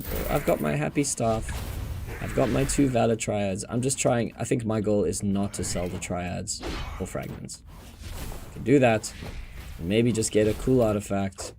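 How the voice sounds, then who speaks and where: Laid-back lower-voiced male game streamer. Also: measured pace, gravelly, noisy background. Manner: laid-back, says bro and dude, talks to chat. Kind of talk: casual live gaming chat. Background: game music.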